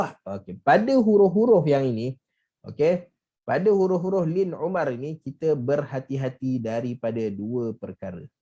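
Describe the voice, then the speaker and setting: A Malaysian man teaching Quran recitation rules in an online class, repeating sample words slowly and clearly for students. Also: mid-range voice, mellow. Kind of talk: online tajwid lesson.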